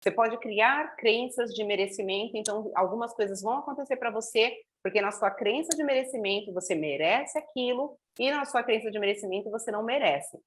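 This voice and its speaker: A woman's voice: a little high, brisk, few pauses. A woman speaking thoughtfully in a casual conversation, explaining her ideas step by step. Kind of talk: casual reflective chat.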